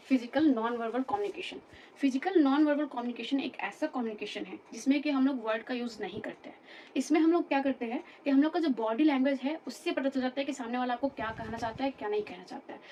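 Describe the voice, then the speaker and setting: A woman's voice: on the high side, a little mellow, distant mic, slight background noise. A woman teaching a lecture class, explaining patiently, repeating terms and checking in with her students.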